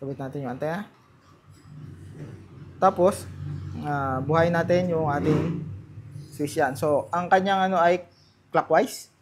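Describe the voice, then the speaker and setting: A man with a Filipino accent doing a casual hands-on unboxing, halting a little as he thinks aloud. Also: fairly high pitch, background noise. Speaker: gadget vlogger.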